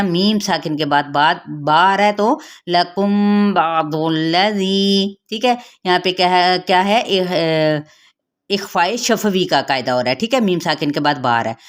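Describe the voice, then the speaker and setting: Patient Urdu-speaking woman teaching recitation. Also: on the low side. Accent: Pakistani Urdu. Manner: patient, repeats sounds slowly to demonstrate. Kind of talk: tajweed lesson with slow demonstrations.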